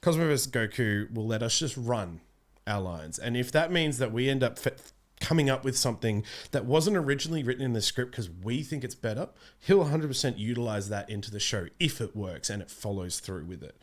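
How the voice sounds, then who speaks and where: Speaking briskly at a medium pitch, a thirty-something voice actor chats as an interview guest. He rambles and keeps breaking into his own sentences. The setting is a small indoor studio room, recorded on a close podcast mic.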